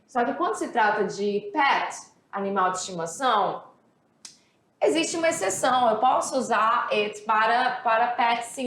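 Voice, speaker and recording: A woman English teacher from Brazil, explaining grammar step by step and often checking that the class follows. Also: on the high side. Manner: explanatory, repeats and checks understanding. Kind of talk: recorded classroom lesson. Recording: echoey room.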